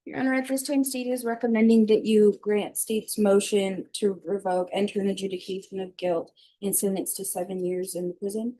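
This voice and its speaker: A woman's voice: mid-range voice, fairly even intonation, moderate pace, hardly any pauses, mellow, poor audio. An American woman speaking formally as a prosecutor in a courtroom, setting out the state's case. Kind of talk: formal reading of charges in a courtroom.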